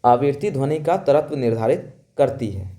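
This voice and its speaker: Emphatic man teaching class, dark voice. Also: mid-range voice, lively intonation, normal speed. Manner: repeats points, explains in plain words. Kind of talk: classroom lesson.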